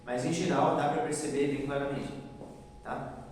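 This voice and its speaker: A man's voice: medium pitch, flat delivery, moderate pace, darkish tone, slight background noise. A man teaching a class on poetic meter, patiently checking that students follow. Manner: patient, checks understanding often. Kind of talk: classroom lecture on poetry. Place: bar or venue room. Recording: echoey room, voice from a distance.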